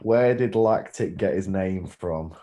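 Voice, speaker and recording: Host, man, lowish voice, upbeat teasing questions, casual chat. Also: slow, warm tone, dull audio. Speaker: podcast host asking questions.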